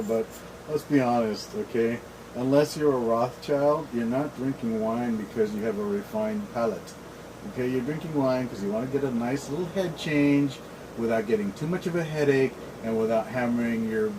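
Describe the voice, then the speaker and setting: A middle-aged man bantering casually as a show host, blunt, opinionated and freely swearing. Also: medium pitch. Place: shed. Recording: clear steady air-conditioner noise.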